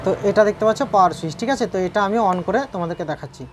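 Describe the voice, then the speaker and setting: A woman gives a casual, hands-on repair tutorial, repeating her points and frequently checking in with viewers through tag questions. Her mid-range voice is rapid-fire, with a little hiss or hum on the recording.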